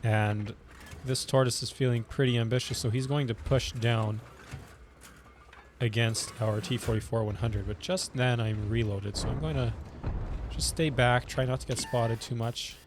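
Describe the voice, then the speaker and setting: A man with a scratchy voice from a cold, hosting casual commentary over his own tank gameplay and calmly explaining his tactics. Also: medium pitch, normal speed. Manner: relaxed, explaining tactics as he plays. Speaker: gaming channel host.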